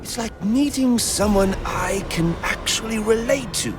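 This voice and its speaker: A man's voice: high-pitched, measured pace. A man playing a manic, menacing, giddy clown-like villain in a video game, theatrical and erratic, given to cackling. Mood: giddy, insinuating. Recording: music under the dialogue. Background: loud dramatic music.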